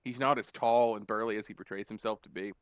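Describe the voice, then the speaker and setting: A podcast co-host telling a story in casual chat, animated and profane, acting out the quotes in loud bursts. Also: male voice, lowish voice, quick pace, smooth, no echo.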